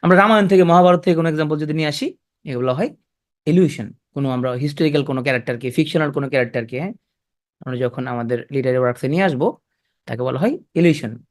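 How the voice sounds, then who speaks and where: A man teaching literary terms in a loose, chatty lecture. His voice sits a little high for a man, and he keeps tossing quick questions to his students. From Bangladesh. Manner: conversational, asks students quick check questions. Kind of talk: exam-prep literature lecture.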